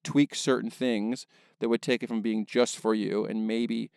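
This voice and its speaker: A man's voice: fairly low pitch, steady tone, measured pace, gravelly, a little mellow, clear, resonant tone, no room sound, clean studio sound. A man co-hosting a casual film podcast, thinking aloud and picking apart why a movie works or not, with lots of "like" fillers. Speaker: podcast co-host, filmmaker.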